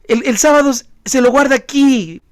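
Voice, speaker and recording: A man's voice: very high-pitched, normal speed, no echo, studio quality. A man who is a pastor preaching a sermon, emphatic and questioning the congregation directly. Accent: Ecuadorian Spanish.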